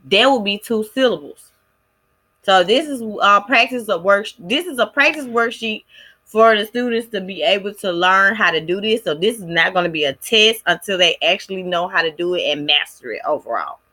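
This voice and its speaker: Woman, clear bright tone, casual lesson-plan presentation, halting with fillers. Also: medium pitch, animated. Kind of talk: recorded class presentation.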